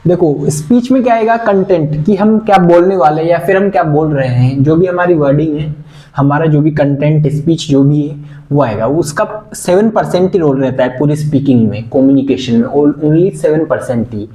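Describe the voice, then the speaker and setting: A man's voice: fairly high pitch, normal speed, warm tone. A young man teaching a casual online communication skills class, chatty and earnest, mixing English words into his speech. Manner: chatty, pleading, mixes English words into Hindi. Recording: echoey room.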